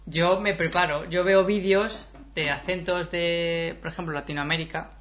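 A woman's voice: on the low side, steady tone, normal speed, a bit bright. A woman chatting as a guest, playful and self-deprecating. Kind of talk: casual chat.

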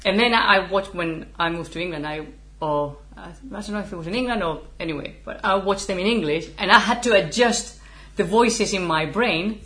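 A woman's voice: fairly low pitch, fairly quick, few pauses, a bit bright. Chatty woman teaching. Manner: chatty, laughs often, switches between Spanish and English. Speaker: Spanish teacher. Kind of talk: casual language lesson.

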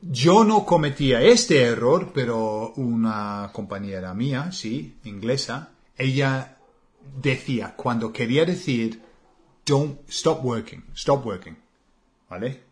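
Slow, hesitant English-accented man speaking Spanish. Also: medium pitch, lively intonation. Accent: English learner speaking Spanish. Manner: slow, hesitant, many fillers and repeated words. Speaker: co-host of a Spanish lesson. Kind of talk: casual conversational lesson.

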